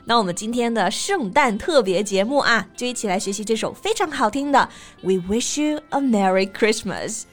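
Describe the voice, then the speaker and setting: A woman's voice: on the high side, lively intonation, normal speed, few pauses, soft background music. A woman co-hosting a bilingual English lesson, upbeat, explaining vocabulary and slipping easily into English. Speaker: co-host of an English lesson show.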